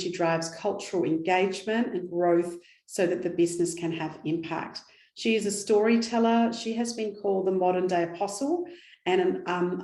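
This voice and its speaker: A woman's voice: lowish voice, darkish tone. A woman hosting a podcast interview, eager and chatty, with some "um"s as she reads a guest's introduction. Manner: enthusiastic, reads guest bio with fillers. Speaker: podcast host. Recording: roomy echo with faint music.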